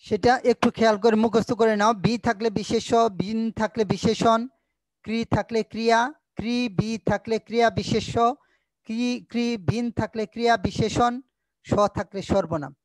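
A woman teacher with a Bangladeshi Bengali accent giving a recorded school lesson, patiently repeating each point and sounding out words slowly. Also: a little high, fairly even intonation, darkish tone, no echo, low-quality recording.

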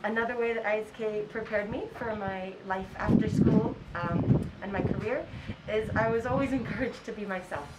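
A Kenyan school counseling intern in her twenties sits outdoors on campus giving sincere interview answers, stumbling into fillers and restarts. Her mid-range voice moves at a moderate pace with hardly any pauses, but she is far from the mic and the recording is very noisy, with music underneath.

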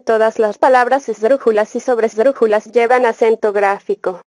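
A woman reading a spelling lesson as scripted instruction, dictating words slowly and carefully. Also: fairly high pitch, fairly even intonation, a little mellow, no echo, studio quality. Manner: slow, careful word-by-word dictation. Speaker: narrator of a spelling course.

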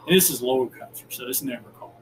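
A man's voice: mid-range voice, fast. A man co-hosting a podcast, telling stories in a loose, profane, laughing way. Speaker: podcast co-host. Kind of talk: casual storytelling. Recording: noisy room ambience.

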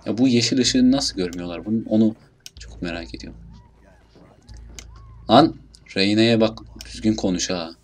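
A young man with a Turkish accent casually commentating his gameplay, muttering, swearing at enemies and bursting out loudly now and then. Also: fairly low pitch, normal speed, pauses often. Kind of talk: casual let's play commentary.

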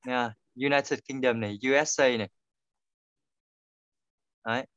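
Over a video call with dull, lo-fi audio, a man teaches pronunciation online. He is patient and corrective, often going back over his points, and speaks at an unhurried pace with a steady, medium-pitched voice that is clean and a bit bright.

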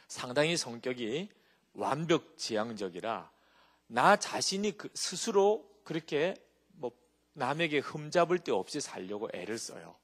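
A man's voice: mid-range voice, slightly rough. A male pastor giving a sermon, telling stories with animation and often checking in with his listeners. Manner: animated storytelling with rhetorical check-ins to the congregation.

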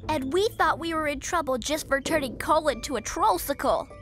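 A woman's voice: high voice, animated, fairly quick, fairly bright tone, faint music behind. An actress playing a spirited, sassy teenage troll girl in a cartoon. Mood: surprised. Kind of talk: animated cartoon dialogue.

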